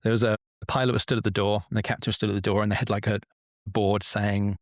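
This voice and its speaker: A man in his forties from England appears as a podcast guest, telling a long personal story in a candid, rambling way and swearing casually. He talks fast with a flat delivery in a fairly low voice. The studio sound is clean, with no echo.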